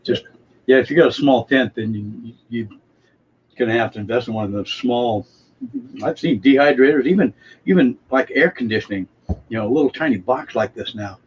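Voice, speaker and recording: A man's voice: medium pitch, brisk, breathy edge. A man chatting casually and ramblingly in a folksy way as co-host of a live stream about home growing. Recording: muffled, noisy live-stream audio.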